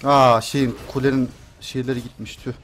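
A man's voice: medium pitch, flat delivery, moderate pace, fairly bright tone. A young man streaming a video game, muttering and cursing to himself, then shrieking in panic when chased. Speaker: gameplay streamer. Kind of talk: live game commentary.

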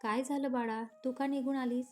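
A man's voice: very high-pitched, level tone, moderate pace, soft background music. A woman voicing a genial father announcing good news at a party in a read-aloud story. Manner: announcing, cheerful.

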